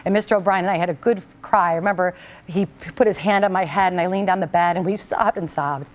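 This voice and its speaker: A female talk show host, speaking fast in a fairly low voice, tells her guest a personal story with lots of animation, performing the voices of everyone involved.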